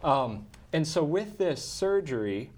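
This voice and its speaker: A man's voice: on the high side, big pitch swings, takes it slowly, darkish tone. A man, a primary care doctor, hosting a medical call-in show, chatting with guests and reading out how to send questions. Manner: friendly, conversational, reads call-in details.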